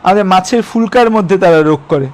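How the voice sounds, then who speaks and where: A man's voice: high-pitched, lively intonation, fast. A young man teaching a biology lesson online, asking questions and answering them himself, mixing in English terms. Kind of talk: online lecture.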